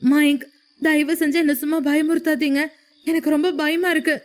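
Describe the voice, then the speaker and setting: A woman's voice: a little high, brisk, a little mellow, lightly acted. A woman narrator voicing a frightened young wife who pleads in a shaky, tearful voice.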